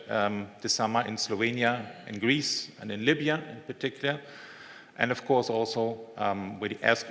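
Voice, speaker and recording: Male conference speaker, mid-pitched and crisp-edged bright tone, deliberate explanatory delivery, long hall reverb. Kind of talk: semi-formal explanatory address.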